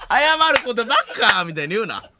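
A young man with a Kansai accent co-hosting late-night comedy radio, protesting loudly between laughs. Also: very high voice, creaky, heavy background noise. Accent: Kansai Japanese. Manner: loud, laughing retorts and protests. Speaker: radio co-host. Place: radio studio.

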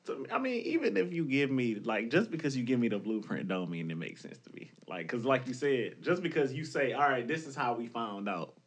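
A man's voice: medium pitch, animated, brisk, few pauses, breathy edge. A man with a Detroit accent in casual podcast chat, asking questions and laughing easily. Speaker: podcast co-host.

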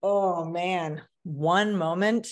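A woman's voice: lowish voice, very slow. A woman co-hosting a podcast in casual chat, a mother talking candidly and wryly in long rambling stretches. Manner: candid, rambling, wry humor. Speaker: podcast co-host; parent.

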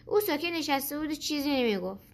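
Woman, bedtime storyteller, gentle, speaks to children, high voice. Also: animated. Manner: gentle, addressing children directly. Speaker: storyteller, podcast host.

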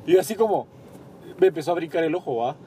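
A young Guatemalan man with a Guatemalan Spanish accent co-hosts a podcast from inside a parked car, and he also owns a small bakery. His high, animated voice moves fast as he tells stories playfully, acting out quoted dialogue and cracking jokes in casual chat. A little background noise comes through.

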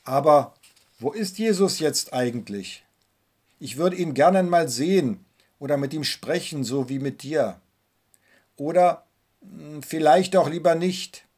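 A man's voice: on the high side, animated, a little slow, a little mellow, husky. A man voicing a sulky little hot-tempered boy. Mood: anxious questions. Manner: complaining, pleading.

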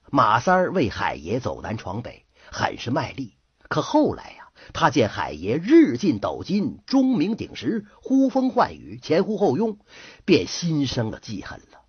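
A man full of tells a folk tale dramatic flair, his pitch leaping and plunging for emphasis. His voice is husky. The recording is dry and slightly dull. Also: dry recording. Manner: dramatic, with swooping emphasis and drawn-out phrases. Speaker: storyteller.

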